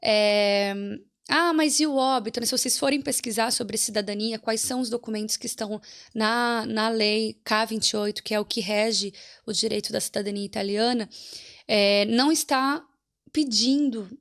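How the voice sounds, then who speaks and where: A woman's voice: a little high, steady tone, moderate pace, a bit bright. A woman with a Brazilian Portuguese accent, a guest consultant patiently explaining a process step by step in an interview.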